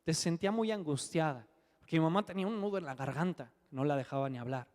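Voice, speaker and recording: A man delivers a sermon built around a personal testimony, speaking earnestly and conversationally with frequent tag questions. His voice sits fairly high. A long hall reverb trails every phrase. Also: fast, a little mellow. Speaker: preacher. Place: church hall.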